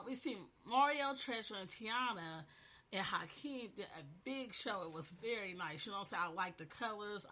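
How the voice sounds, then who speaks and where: Her lowish voice is bright and forceful, and a little hiss or hum sits under the audio. She's a podcast host with a cold, coughing as she casually chats through a TV episode recap, often saying "you know what I'm saying."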